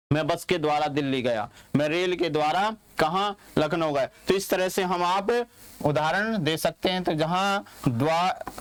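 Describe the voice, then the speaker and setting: Male teacher from India, slow and drilling, smooth voice. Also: fairly high pitch, dry recording. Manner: asks questions and answers them himself, repeats words slowly. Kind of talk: classroom grammar lesson.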